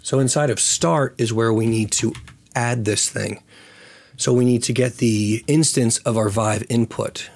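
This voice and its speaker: A man of medium pitch hosts a casual screen-recorded programming tutorial. His voice is raspy and full of creak, hoarse as if getting over a lost voice. He thinks aloud as he works. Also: unhurried, darkish tone. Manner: thinks aloud while working. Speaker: tutorial host.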